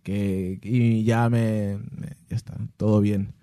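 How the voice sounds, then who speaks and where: A man, a musician answering fan questions in casual, animated storytelling, laughing and mimicking sounds and voices. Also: on the low side, slow, dry recording, clean studio sound.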